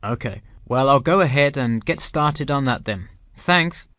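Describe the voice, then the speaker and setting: Male actor as university student, mid-pitched, measured scripted dialogue, slightly lo-fi sound. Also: animated, a bit bright, no echo. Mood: polite, inquiring. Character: male university student discussing his dissertation with an adviser. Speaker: student in a listening-test dialogue.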